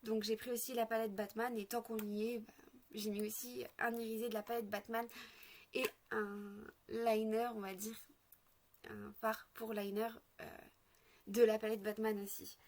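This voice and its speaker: A woman's voice: a little high, level tone, normal speed, darkish tone, slight background noise. A woman chatting through a casual makeup tutorial, hesitant with lots of fillers, a bit sick. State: sick, occasional coughing. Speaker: makeup vlogger.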